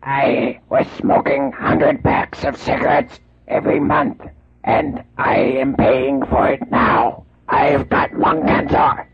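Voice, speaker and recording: A self-pitying, wrecked smoker, as a man plays him, with a raspy, breathy, gravelly voice that drags slowly and swoops around in pitch. He pleads his way through a mock public service ad, heard on a dull, muffled cassette tape. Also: exaggerated voice. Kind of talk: 1980s home-made comedy tape.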